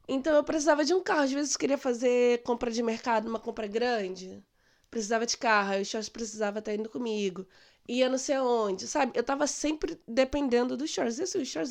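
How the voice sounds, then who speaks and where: A woman in her late twenties from Brazil, telling a personal story in a chatty, animated way on her vlog. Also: on the high side. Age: late 20s. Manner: chatty, animated retelling with quoted dialogue. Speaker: vlogger. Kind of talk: casual storytelling.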